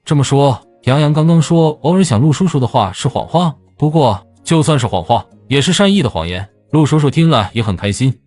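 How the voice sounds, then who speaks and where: A man's voice: medium pitch, animated, brisk, hardly any pauses, darkish tone, no echo, faint music behind, lightly acted. An actor playing a kind, injured man who talks to a child in a reassuring way.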